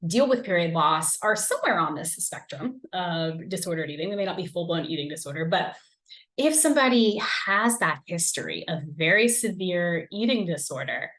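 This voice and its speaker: A woman's voice: lowish voice, lively intonation, moderate pace, a bit bright, low-quality recording. A young woman, hosting a podcast and talking casually as a recovery coach, with plenty of "like" and "um". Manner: casual, conversational, frequent "like" and "um". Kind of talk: solo podcast talk.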